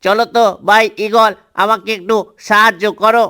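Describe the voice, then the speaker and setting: A man's voice: high-pitched, flat delivery, moderate pace, bright, forceful tone, clear, resonant tone. A man voicing a father duck who speaks steadily while searching for his lost duckling. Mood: worried.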